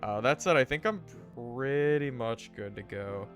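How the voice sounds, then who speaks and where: Speaking a little slowly in a mid-range voice worn from recent sickness, a man casually chats with his stream viewers while gaming. He rambles, stays relaxed, and greets chat as soft background music plays.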